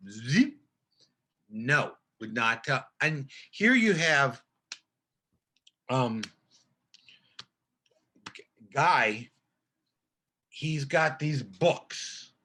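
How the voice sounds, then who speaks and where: A man's voice: medium pitch, pushed and bright. An older male actor, a podcast guest, telling stories in a casual, rambling way with many restarts.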